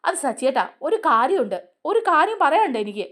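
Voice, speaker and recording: A woman's voice: high voice, very animated, quick pace, a bit bright. A woman voicing an angry young man from a TV serial, accusing and raising her voice. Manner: accusing, raised voice.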